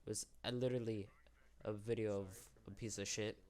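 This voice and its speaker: Fairly quick and level in tone, this young man's voice is lowish and darkish. As a YouTube host doing unscripted commentary, he rambles, corrects himself, and speaks candidly while sick and losing his voice.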